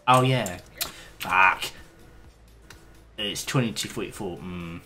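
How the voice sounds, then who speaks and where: Low-voiced man rambling on stream. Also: takes it slowly, sharp tone, faint music behind. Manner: rambling, hesitant, swears casually. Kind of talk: casual gaming stream chat.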